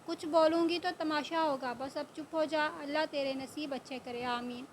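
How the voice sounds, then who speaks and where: Brief: a soothing middle-aged mother in a storybook reading, voiced by a woman, high and gentle. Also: fairly even intonation, slight background noise, lightly acted. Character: kind middle-aged mother and aunt, resigned.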